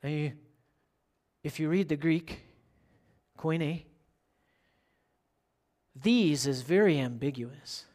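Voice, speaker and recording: Pastor giving a relaxed, chatty sermon, checks in with the congregation, asks questions. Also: medium pitch, slow pace, pauses often. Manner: conversational, keeps asking "right?".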